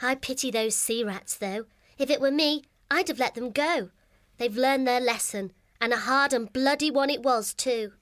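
A woman voicing a kindly young female hare in an audiobook, earnest and gentle. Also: sits high, normal speed.

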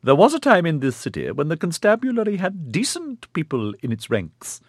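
A man's voice: fairly high pitch, wildly swooping pitch, moderate pace, dry recording, clean studio sound, pitched above the performer's own voice, heavily acted. A man voicing a haughty, imperious old woman with a wavery voice, scolding indignantly. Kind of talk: audiobook character voice.

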